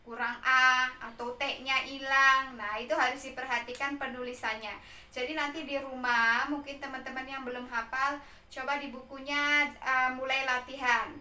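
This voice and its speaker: A woman's voice: sits high, bright, forceful tone, reverberant, distant mic. A woman teaching English to young pupils, patiently explaining exam material, often checking in with little tag words. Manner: patient, repeats and checks with "ya" and "nah".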